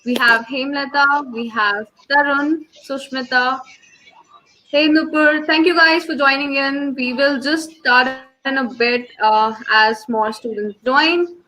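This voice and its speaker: Young indian accented lady hosting a student webinar, high voice, really bright and crisp edged. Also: takes it slowly, poor audio. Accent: Indian English. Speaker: webinar host. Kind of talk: live webinar presentation to students. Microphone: online call microphone.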